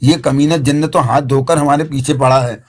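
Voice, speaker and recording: A man's voice: mid-range voice, fairly even intonation, fairly quick, close to an everyday voice. A man voicing a cheeky, jumpy male servant who mocks his master jinn.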